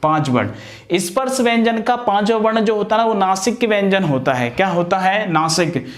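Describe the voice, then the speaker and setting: A man's voice: high-pitched, lively intonation, normal speed. A man teaching an exam-prep grammar lesson, asking questions and answering them himself, and pronouncing each sound aloud for practice.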